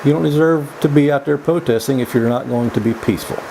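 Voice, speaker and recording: A man giving a casual, opinionated vlog monologue in a folksy, halting way, often repeating his words as he goes. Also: medium pitch, vocal fry, mellow, a little hiss or hum, rough recording. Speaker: vlog host. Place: indoors.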